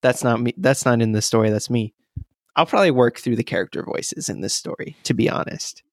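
Man, mid-pitched, teasing banter, dry close sound, reading aloud. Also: a little fast, no echo. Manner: teasing, joking. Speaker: podcast co-host reading a story aloud.

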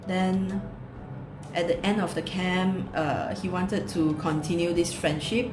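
A woman's voice: lowish voice, steady tone, a little slow, noisy background. A Singaporean woman co-hosting a video in casual Singlish, with local particles and phrasing. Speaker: video co-host. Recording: roomy echo with music behind.

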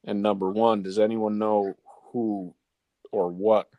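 A man's voice: fairly low pitch, level tone, slow pace, no room sound, lo-fi sound. A man giving a casual countdown of sports nicknames to co-hosts, announcing each ranked number and then the name. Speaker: sports talk show panelist presenting a list.

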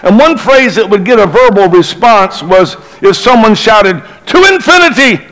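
The recording is rough as a middle-aged bishop, preaching on Christmas Eve, recounts a story with theatrical energy. At tense moments his voice sinks low and quiet, and his overall pace runs a bit slow.

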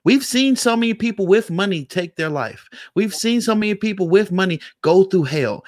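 A man's voice: high voice, animated, moderate pace, dry recording, studio quality. A man co-hosting a motivational talk, preaching in emphatic, repetitive phrases. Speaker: co-host.

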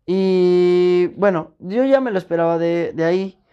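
A young Mexican woman chatting casually on a podcast, telling a story in a slangy, animated way and acting out what other people said. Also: fairly low pitch, measured pace, clean tone, dull audio. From Puebla, Mexico.

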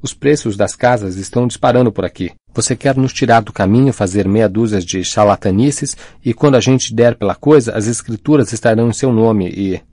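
A man's voice: lowish voice, fairly quick, hardly any pauses, dry recording. A man doing a blustering, bullying uncle. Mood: ranting. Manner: shouting, ranting.

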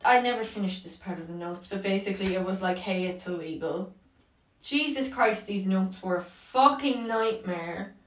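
A woman's voice: medium pitch, moderate pace, slight background noise. A young woman hosting a casual podcast, rambling and joking through her notes with frequent swearing. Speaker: podcast host. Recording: echoey room, mic at a distance.

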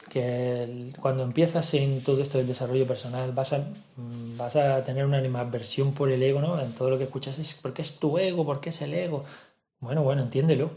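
A calm man gives a gentle, reflective self-help talk. His voice is warm and mellow, and it rings a little in a roomy space. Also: medium pitch. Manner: calm and gentle, often checks in with a soft "mm?". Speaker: personal development speaker. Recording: roomy echo.

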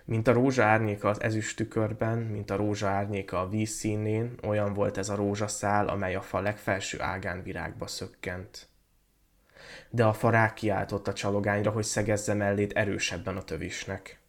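Low-voiced man reading a fairy tale. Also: level tone. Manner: measured, lyrical reading. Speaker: podcast host reading a story. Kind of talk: storybook reading aloud.

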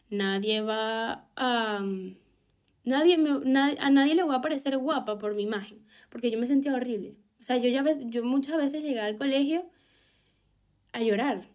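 A woman's voice: on the high side, a little mellow. A young woman with a Venezuelan accent, candidly telling her own story, frank and emphatic, repeating phrases and swearing casually. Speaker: vlogger.

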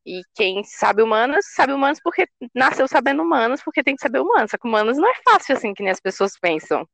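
Young woman student, kinda high and creaky, candid and fed up, dry sound. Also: sing-song, quick pace, a bit bright, no echo. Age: young adult. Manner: candid, exasperated, frank. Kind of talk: casual chat.

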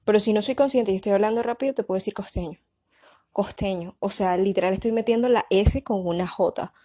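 A young woman with a Colombian Caribbean coastal accent, chatting casually and explaining things in a lively, colloquial way. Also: medium pitch, fast talker. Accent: Colombian Caribbean (costeño). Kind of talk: casual chat.

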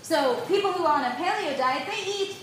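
A woman with a high, bright-pitched voice lectures on nutrition to a live audience. She speaks emphatically and keeps checking in with her listeners. The sound bounces heavily around a reverberant room, with a faint hiss underneath. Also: fairly quick. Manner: emphatic and animated. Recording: very echoey room.

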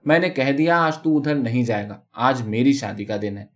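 A man voicing a jealous first wife who scolds and shouts in a storybook reading, on a dull lo-fi recording. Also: mid-range voice, animated, natural voice. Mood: coaxing. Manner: shouting, quarrelsome.

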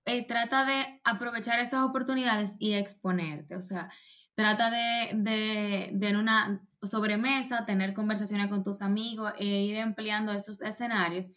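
A woman coaching on public speaking in a relaxed conversation, explaining at length with many fillers and restarts. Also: mid-range voice, moderate pace. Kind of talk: casual advice chat.

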